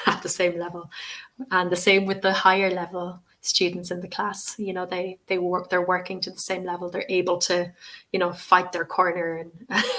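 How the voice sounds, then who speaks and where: A woman in her forties from Ireland, with an Irish accent, presents a teacher-training webinar and fields questions in a live Q&A. Her medium-pitched, fairly bright voice stays friendly and chatty, full of fillers.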